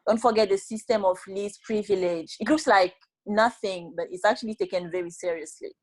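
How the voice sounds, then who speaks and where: A student tutor leads a database class, guiding classmates through an exercise step by step, checking in often and correcting them bluntly. Her voice is medium-pitched and fairly even, a little quick, and the recording is rough.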